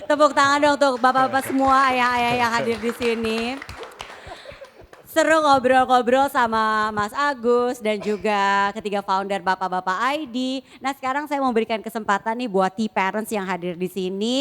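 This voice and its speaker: A woman's voice: a little high, moderate pace, a bit bright, long reverb tail, slight background noise. A woman hosting a live stage talk, upbeat, calling for applause and inviting questions from the audience. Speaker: host.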